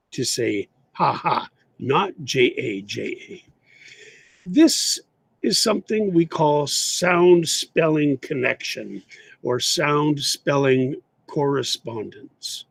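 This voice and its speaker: A man with a Canadian English accent teaching an English lesson, slowly and deliberately, repeating his example phrases. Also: on the high side, gravelly, no echo. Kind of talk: explaining English usage in an online lesson.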